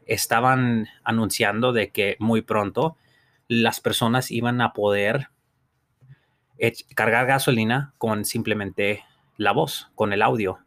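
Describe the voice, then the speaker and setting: Speaking slowly in a lowish, slightly bright voice with fairly even intonation, this man hosts a podcast. His motivational talk is sincere and encouraging, given in a second language, and he keeps starting over and restating what he means.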